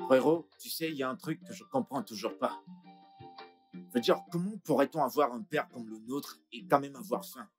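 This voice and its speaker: A man's voice: mid-range voice, moderate pace, music in the background, lightly acted. An actor playing an indignant younger brother complaining about their father in a dubbed film.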